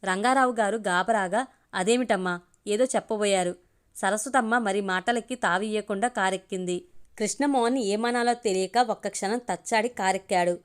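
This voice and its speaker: Woman narrator, audiobook reading, steady and expressive, mid-pitched. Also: moderate pace, clear, resonant tone. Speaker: storyteller.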